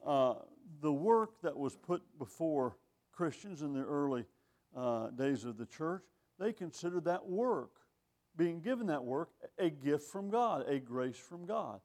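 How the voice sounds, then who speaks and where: Older preacher, wry and conversational. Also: male voice, on the high side, expressive, measured pace, a little mellow. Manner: conversational, wry, rhetorical questions; reads scripture in older phrasing. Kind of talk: sermon.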